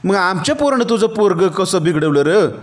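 A man voicing a stern, blunt elderly village grandfather who answers with sharp, cutting retorts. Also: high-pitched, expressive, normal speed, voice pushed up. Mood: scornful. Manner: sharp, scolding.

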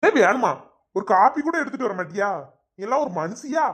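A man's voice: fairly high pitch, expressive, brisk. Man playing a grumbling lazy husband.

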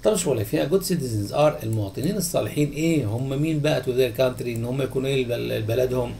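Gravelly Egyptian man teaching English. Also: medium pitch, dark tone, a little hiss or hum. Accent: Egyptian Arabic. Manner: questions the class, then answers himself in a drawn-out voice. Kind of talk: textbook answer walkthrough.

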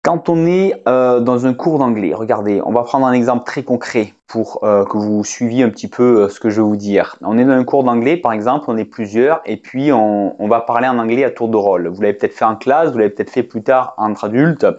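French-speaking male teacher, casual talk to camera, halting and chatty, slightly muffled recording. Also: medium pitch, darkish tone. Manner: hesitant, many fillers and restarts, conversational. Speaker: English teacher. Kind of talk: casual spoken lesson to camera.

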